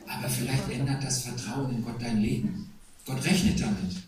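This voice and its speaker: A man's voice: medium pitch, steady tone, normal speed, crowd noise. A man preaching a sermon in a conversational way, with asides to the congregation. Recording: very echoey hall, voice from a distance.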